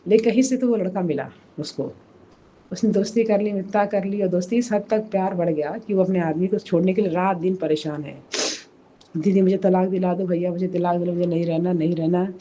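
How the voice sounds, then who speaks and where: A hoarse woman giving an emotional personal testimony, speaking slowly and softly in a pleading way. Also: medium pitch, muffled recording, a little hiss or hum. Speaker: devotee sharing a testimony.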